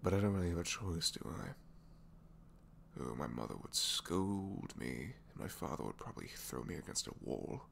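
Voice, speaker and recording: Deep and creaky yet fairly bright, this exaggerated male voice moves at a moderate pace with lively intonation, a little hiss or hum in the recording. He portrays a reluctant, secretly kind supervillain inventor in a one-sided ASMR roleplay, weary and wry. His talk is hesitant and self-deprecating, rambling with sighs, trailing tag questions and drops to a whisper.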